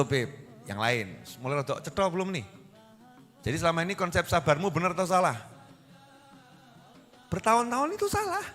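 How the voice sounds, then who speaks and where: A man's voice: on the high side, big-room sound. A man with a Javanese accent preaching a sermon, often putting questions to his audience. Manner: lively, animated, asks the audience questions.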